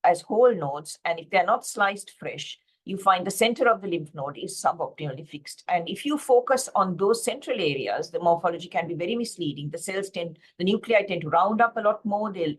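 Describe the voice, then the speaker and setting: A woman's voice: fairly low pitch, lively intonation, fairly quick, hardly any pauses, slightly rough. Woman, from Sri Lanka, pathology lecturer, slide lecture, fillers and restarts, video call. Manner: explanatory, frequent fillers and self-corrections. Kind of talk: slide-based teaching lecture.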